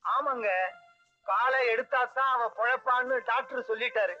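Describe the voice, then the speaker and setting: A man's voice: extremely high pitch, steady tone, normal speed, pushed and bright, muffled recording, soft background music, exaggerated voice. An actor playing a scheming man who swindles a moneylender with sob stories, in old film comedy dialogue. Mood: wheedling. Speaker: con man comic hero.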